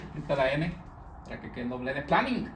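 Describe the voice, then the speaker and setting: A man's voice: mid-range voice, steady tone, fast, far from the mic, noisy background. A man teaching an English grammar lesson, explaining rules patiently and repeating them, stressing each English word. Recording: echoey room, voice off-mic.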